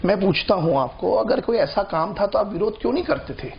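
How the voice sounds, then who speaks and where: A man's voice: sits high, lively intonation, fairly quick, vocal fry. A man speaking as a party spokesman in a heated TV political debate, talking over his opponents and repeating his points. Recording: dull lo-fi broadcast audio.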